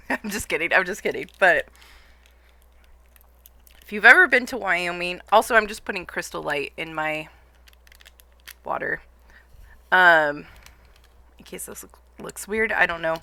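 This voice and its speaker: A woman's voice: lowish voice, creaky, sharp tone, no echo. A young woman streaming live, casually telling a long story to her chat, rambling with lots of fillers and frequent laughs.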